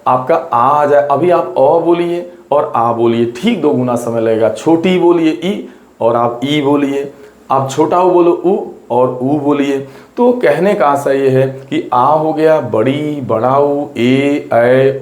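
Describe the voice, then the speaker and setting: A man's voice: medium pitch, darkish tone. A man teaching an exam-prep grammar lesson, explaining step by step and repeating his points to students. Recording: roomy echo.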